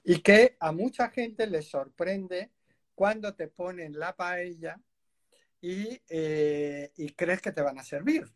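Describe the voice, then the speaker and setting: In a studio, a male radio host with a somewhat high voice conducts a casual interview into a studio microphone. He rambles easily, fills pauses with "eh," and laughs a lot.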